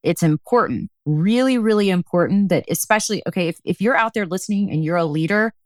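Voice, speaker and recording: A woman's voice: lowish voice, quick pace, darkish tone, dry recording, studio quality. A woman hosting a conversational interview, speaking earnestly and emphatically in long winding sentences. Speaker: interview host.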